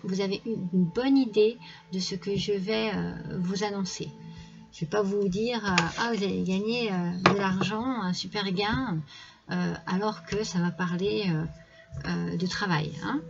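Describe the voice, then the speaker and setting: A woman speaks to her viewers as she lays out tarot cards, in a friendly chatty way that keeps stalling on fillers and restarts. Her voice sits at an ordinary middle pitch for a woman. The recording is a little dull and lo-fi. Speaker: tarot reader. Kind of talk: casual tarot reading to camera.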